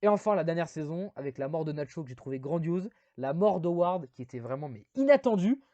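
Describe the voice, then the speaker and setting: A man's voice: fairly high pitch, lively intonation, brisk, mellow, no echo, muffled recording. A man giving a casual spoken video review, rambling with many fillers and self-deprecating asides.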